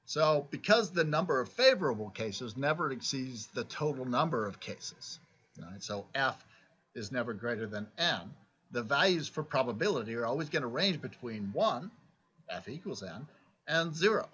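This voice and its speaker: A man's voice: medium pitch, animated, moderate pace, fairly bright tone, slightly rough. A man giving a recorded philosophy lecture, explaining step by step and often checking in with "right?". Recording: dull lo-fi recording.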